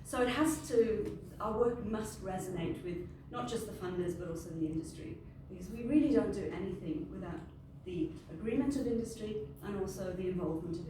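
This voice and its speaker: Her voice is mid-range with a darkish tone: a middle-aged woman from Wales whose first language is Welsh, speaking on an industry panel. She gives a friendly, unscripted, informal talk to a group, recorded through a distant mic in a very echoey room with ambient noise.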